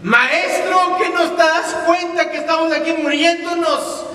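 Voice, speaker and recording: A man acting out terrified disciples who shout and plead in a storm, in an echoey hall. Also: very high-pitched, steady tone, unhurried, distant mic, pitched above the performer's own voice, exaggerated voice. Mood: panicked. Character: panicked male disciples in a storm-tossed boat.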